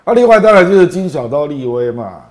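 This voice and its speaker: A man with a Taiwanese accent offers casual political commentary. His voice sits slightly high, and he argues emphatically in colloquial phrases that end on particles. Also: very animated, fast, a little mellow.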